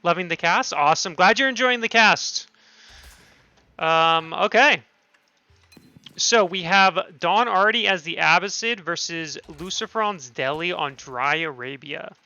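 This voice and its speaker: A man's voice: sits high, unhurried, sharp tone, no room sound, muffled recording. A man casting an esports match on his stream, chatty and thinking aloud, often correcting himself. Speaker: streamer and caster. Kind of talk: esports commentary.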